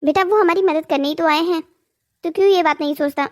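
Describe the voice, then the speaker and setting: Voice actor doing a soft, worried cartoon mother. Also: extremely high pitch, fast talker. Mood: pleading. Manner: soft, calming, pleading. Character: gentle worried middle-aged mother. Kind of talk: cartoon story voice acting.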